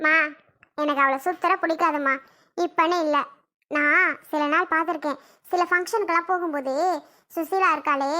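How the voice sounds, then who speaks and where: A woman's voice: very high voice, bright, forceful tone. A woman playing a hurt, stubborn young wife and mother in a family drama skit, talking in an emotional, pleading way.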